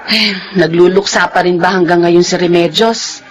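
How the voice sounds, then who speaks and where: A woman's voice: fairly low pitch, fairly even intonation, moderate pace, a little hiss or hum, natural voice. An actress playing a frank, caring village woman and friend in a Filipino radio drama. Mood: friendly, consoling.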